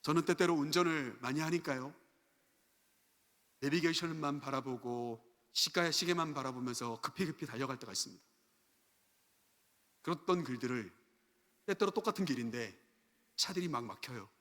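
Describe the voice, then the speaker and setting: A man's voice: mid-range voice, moderate pace, pauses often, a bit bright. A man pastor preaching an earnest sermon full of rhetorical questions at a Wednesday church service. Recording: echoey church sanctuary.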